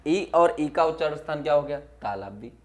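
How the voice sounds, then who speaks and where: A man teaching a Hindi class, asking questions and repeating the answers in a steady drill, his voice dropping low and quiet on each answer. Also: moderate pace. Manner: drops to a low, quiet voice when giving the answers. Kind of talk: classroom lesson.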